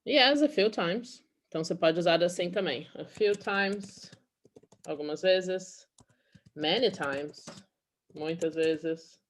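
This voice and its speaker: A woman's voice: on the low side, slow pace. A woman from Brazil teaching an English class in Portuguese, explaining patiently and often checking in with "okay?".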